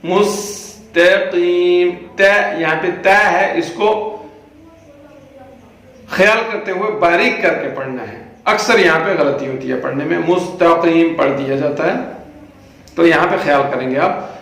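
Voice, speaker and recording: A man teaching Quran recitation, patiently explaining how each letter sounds and then slowly chanting the words. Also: fairly high pitch, gravelly, fairly bright tone. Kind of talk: tajweed lesson with slow chanted recitation. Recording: very echoey room.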